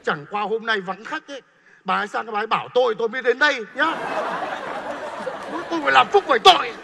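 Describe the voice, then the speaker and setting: Comedy sketch: a blunt, teasing driver, high gravelly voice. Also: male voice, fast talker, sharp tone, in a large hall, a faint crowd, a little hiss or hum, exaggerated voice. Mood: grumbling. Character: cheeky male motorbike-taxi driver, blunt and mocking.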